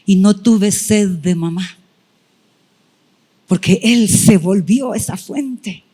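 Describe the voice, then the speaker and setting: A middle-aged woman preaches a testimony with deep feeling, voicing her own past prayers as she tells the story. Her voice sits at a middle pitch. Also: takes it slowly, warm tone, breathy edge. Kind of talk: sermon testimony.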